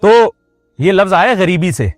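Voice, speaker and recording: A man preaches a religious sermon, keeping it conversational with joking asides to his listeners. His voice sits fairly high. The sound is dry, with faint music underneath. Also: expressive, a little slow, no room sound. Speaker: Islamic preacher.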